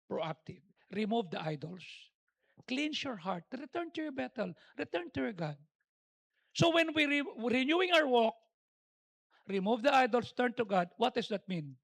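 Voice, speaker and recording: A pastor from the Philippines preaching a lively, joking sermon, mixing in English and acting out stories. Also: male voice, extremely high pitch, a little slow, vocal fry. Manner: animated, mixes in English, acts out stories and jokes. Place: church service.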